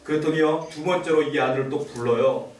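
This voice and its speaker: A man's voice: a little high, a little fast, a little hiss or hum. A male pastor preaching a sermon in a church, asking the congregation rhetorical questions. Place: church sanctuary. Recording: echoey church room, voice from far off.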